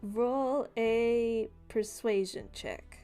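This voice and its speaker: A woman running a tabletop game, narrating in a loose, unhurried way with lots of filler. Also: a little high, steady tone, warm tone, soft background music. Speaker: game master.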